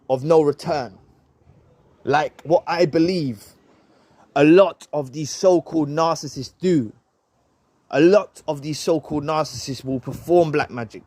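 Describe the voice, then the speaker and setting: A man's voice: a little high, a little mellow, no echo. A man giving a heated, preachy commentary monologue. He repeats his phrases and ends his points with "right?". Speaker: vlogger responding to another video.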